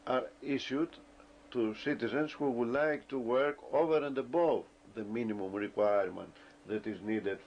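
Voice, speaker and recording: A man giving a deliberate explanatory lecture, often pausing with hesitations as he works through his points, on a dull lo-fi recording. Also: on the low side, creaky. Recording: dull lo-fi recording with faint ambient noise.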